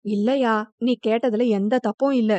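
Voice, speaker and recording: A woman voicing an old village grandmother who scolds loudly and bluntly, on a dull lo-fi recording. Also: on the high side, fairly even intonation, normal speed, dry recording, natural voice. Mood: scolding. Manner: loud, scolding village talk.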